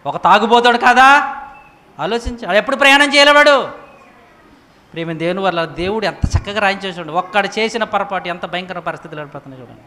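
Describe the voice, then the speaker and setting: Emphatic high-voiced man preaching in a hall. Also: expressive, fast talker. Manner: emphatic, rhetorical questions, swings from loud to hushed. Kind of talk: sermon. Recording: echoey hall reverb.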